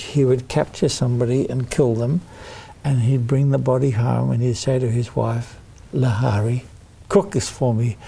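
Slow, gravelly man telling children stories. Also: medium pitch, dark tone. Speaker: children's storyteller. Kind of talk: storytelling to children.

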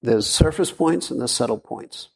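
A man's voice: medium pitch, moderate pace, creaky, slightly rough. A man giving a Zen dharma talk, telling a story in a rambling way with repeats and fillers. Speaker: Zen teacher. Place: meditation hall.

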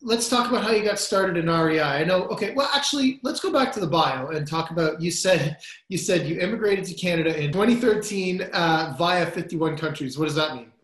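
A man's voice: a little high, fairly quick, a bit bright, reverberant. A man hosting a podcast interview, friendly and casual with many fillers. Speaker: podcast host.

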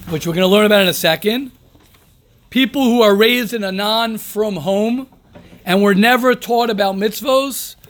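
High and fairly bright, a rabbi's voice carries through his informal daily religious class. He reads passages aloud, comments forcefully, repeats phrases and asks rhetorical questions.

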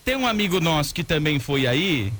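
Lively high-voiced man hosting a radio prank. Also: moderate pace. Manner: playful, teasing, lively banter. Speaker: radio prank-call host. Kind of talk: prank phone call on radio.

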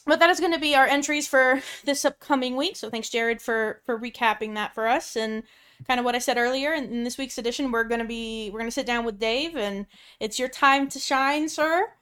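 A woman's voice: a little high, fairly quick, fairly bright tone, smooth. A woman co-hosting a podcast, chatting casually with lots of fillers. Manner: filler-heavy, laughs often. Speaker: podcast co-host.

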